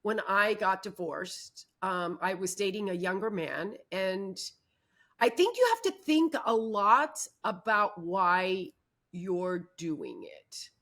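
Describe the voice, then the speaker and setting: A woman's voice: mid-range voice, lively intonation, takes it slowly, fairly bright tone. A woman co-hosting a casual chat, speaking candidly from her own experience. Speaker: co-host.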